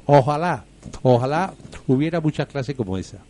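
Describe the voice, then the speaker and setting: A man co-hosting a local radio show who speaks hesitantly, with many pauses. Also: mid-range voice, animated, mellow. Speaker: radio co-host. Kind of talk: casual chat.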